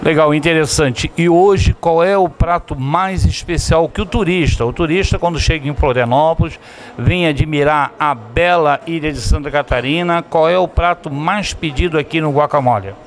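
A middle-aged TV show host interviews people inside a restaurant dining room, holding a handheld mic and enthusiastically promoting to viewers in an upbeat on-location segment. His voice is on the high side at a moderate pace, with slight background noise.

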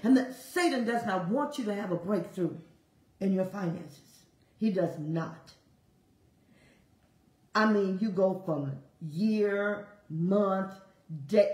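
A woman preaches a sermon with fervent, repetitive exhortation, her pitch leaping suddenly as she urges her listeners on. The audio is poor and sounds roomy.

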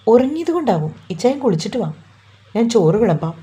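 A woman voicing a shy, anxious young woman in a storybook romance, speaking hesitantly and softly with a husky voice. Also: fairly high pitch, very animated, fairly quick, full character voice. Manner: hesitant, pleading, soft.

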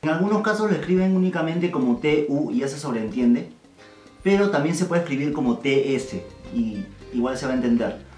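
A man teaches a casual video lesson, joking and slangy as he drills sounds slowly. His voice sits a little high and sounds set back from the mic in an echoey room. Faint music plays underneath. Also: animated, a little mellow, recorded from a distance. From Peru. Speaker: language teacher.

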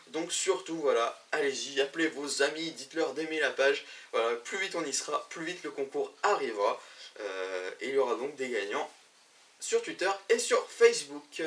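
A man's voice: a little high, fairly bright tone, distant mic. A man hosting a web show about games, presenting news to camera in a chatty way, with many fillers and restarts.

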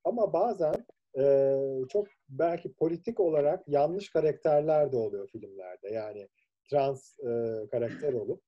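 A man's voice: on the high side, moderate pace, slightly rough. A man interviewing a guest, speaking hesitantly and searching for words. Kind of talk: casual interview. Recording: dull lo-fi sound.

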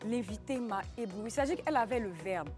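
A woman co-hosting a TV talk show, chatting in a lively, playful way. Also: a little high, brisk, music in the background. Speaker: co-host. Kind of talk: casual studio banter.

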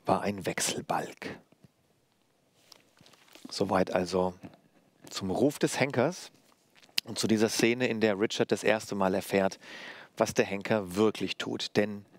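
Man reading his own story aloud, low voice. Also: dry recording. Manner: measured, steady storytelling. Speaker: author. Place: library reading.

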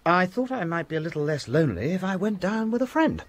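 An actor playing a hearty, pushy young English sporting student, jovial and brisk, in a radio drama. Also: male voice, high-pitched, big pitch swings, slight background noise. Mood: breezy. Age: young adult.

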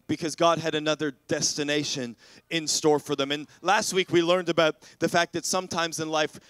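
Pastor, male, preaching; earnest, repeats words, rallies the room; slightly high, dry. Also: a bit bright, clear, resonant tone, no echo. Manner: earnest, repeats words while building momentum; calls out to the congregation. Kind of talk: sermon.

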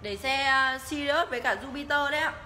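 A woman giving a live, promotional sales pitch as she walks through shop rooms, repeatedly urging viewers to get in touch. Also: a little fast, pushed and bright. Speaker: motorbike shop livestream seller. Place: tiled indoor motorbike showroom rooms and stairwell. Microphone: handheld phone, held by the walking speaker. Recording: noisy phone audio in echoing hard-walled rooms.

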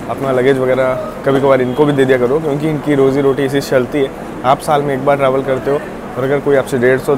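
A young man vlogging a train journey on station platforms, talking into a phone held at arm's length in a chatty, informative tour-guide tone. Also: mid-range voice. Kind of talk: casual travel vlog narration. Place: outdoor railway station platforms. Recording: loud station and train noise. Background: station crowd and trains.

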